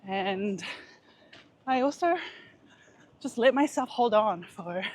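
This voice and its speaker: Slow-paced woman vlogging while out running. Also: mid-range voice, lively intonation, darkish tone. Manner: candid, introspective. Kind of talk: casual, reflective personal vlog.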